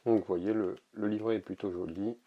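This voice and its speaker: A man casually showing an oracle card deck, talking in a relaxed, hesitant way with many pauses and fillers. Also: fairly low pitch, muffled recording. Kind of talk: casual product presentation to camera.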